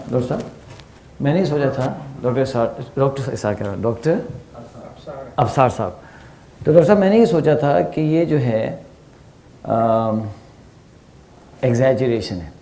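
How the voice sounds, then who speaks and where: A middle-aged male teacher giving a conversational lecture, telling lively stories and asking his listeners questions, with English phrases mixed in. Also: on the high side. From Pakistan. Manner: animated storytelling with rhetorical questions and English phrases.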